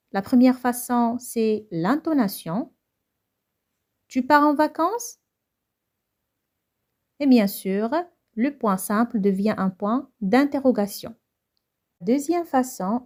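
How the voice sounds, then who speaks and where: Young Moroccan woman, teacher; patient lesson delivery with a mellow tone. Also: fairly high pitch. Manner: explains slowly, then repeats each point in Moroccan Arabic. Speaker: French teacher. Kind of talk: bilingual grammar lesson.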